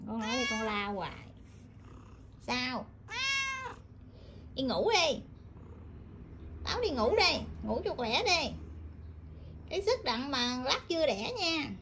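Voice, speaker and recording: A woman's voice: fairly high pitch, a bit bright. A woman who runs a pet shop, coaxing and questioning her cat in a mother-like way. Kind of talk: casual talk to a pet. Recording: noisy room with meowing cat.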